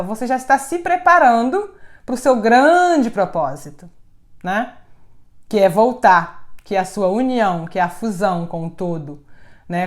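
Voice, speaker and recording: A woman's voice: fairly high pitch, a bit bright. A woman hosting a live stream as a spiritual teacher, chatting casually, laughing often and talking to viewers by name, recorded on a phone.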